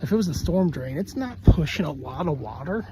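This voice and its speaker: A man's voice: fairly high pitch, expressive, brisk, background noise. A man talking casually to viewers while walking outdoors, laughing often. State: winded, out of breath. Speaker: vlogger. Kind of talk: casual outdoor vlog narration. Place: outdoors by water and trails.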